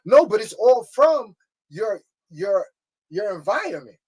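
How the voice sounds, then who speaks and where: A man's voice: high-pitched, big pitch swings, measured pace, darkish tone, husky. A man co-hosting a casual interview, asking long rambling questions full of fillers. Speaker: co-host.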